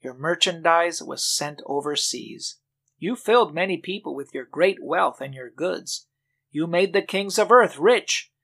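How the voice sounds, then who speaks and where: Slow, gravelly male scripture reader. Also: a little high, expressive, a bit bright. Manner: slow, measured reading of lists. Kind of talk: scripted Bible reading.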